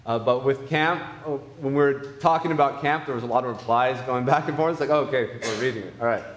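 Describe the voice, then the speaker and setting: A man's voice: mid-range voice, quick pace. A young man giving casual church announcements on a stage, hesitant and full of filler words. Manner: casual, hesitant with many uh's. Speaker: youth pastor. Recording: roomy church hall sound.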